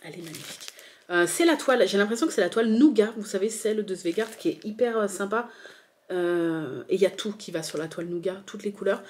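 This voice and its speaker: A woman in a casual vlog, gushing and chatty, often pausing and restarting her sentences. Her voice sits at a middle pitch. A faint noise runs under the recording. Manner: chatty and enthusiastic, many fillers and restarts. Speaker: embroidery vlogger. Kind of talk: casual show-and-tell vlog.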